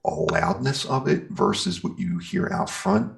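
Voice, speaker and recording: A metal band's singer and guitarist, appearing as a guest, chats casually and enthusiastically about band life, telling anecdotes in an informal, rambling way. His voice is a little high and gravelly, very animated yet unhurried.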